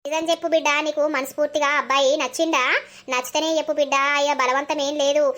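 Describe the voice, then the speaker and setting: A woman's voice: sits high, fairly even intonation, fast talker, a bit bright, slight background noise. A woman voicing a caring middle-aged village mother in a cartoon, with a Telangana Telugu accent and a coaxing, motherly way of talking. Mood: gentle. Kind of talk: animated cartoon voice acting.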